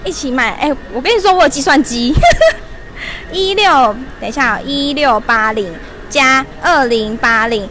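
A woman in her twenties hosting a lively livestream shopping promo in a mall store, chatty and laughing often. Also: high-pitched, a little slow, soft background music. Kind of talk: lively live-stream product promo. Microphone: wired lapel mic held in hand.

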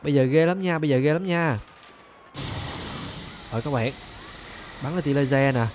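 A fairly high-voiced man calls out his gameplay with lively excitement and keeps turning to his viewers. Faint ambient sound sits under his voice. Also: moderate pace, slight background noise. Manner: animated, keeps addressing viewers as "các bạn ơi". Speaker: gaming channel host.

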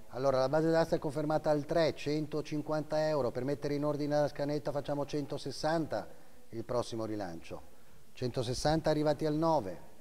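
A man's voice: fairly high pitch, a little mellow, long reverb tail. A middle-aged man working as an auctioneer, calling bids and lot numbers live in short clipped phrases, often repeating the figures. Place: auction house room, seated behind a desk, indoors.

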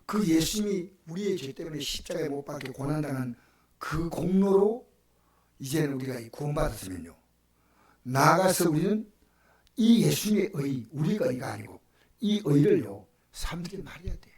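Older pastor whispering then booming. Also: male voice, animated, moderate pace, pauses often, reverberant. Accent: Gyeongsang Korean. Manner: swings from loud exclamations to hushed whispers. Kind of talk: sermon. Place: church sanctuary.

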